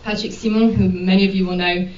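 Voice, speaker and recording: A woman moderating a panel, giving a formal introduction in a measured way with frequent ums and uhs. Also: mid-range voice, fairly even intonation, a little mellow, a little hiss or hum. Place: conference room. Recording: dull, echoey hall from far off.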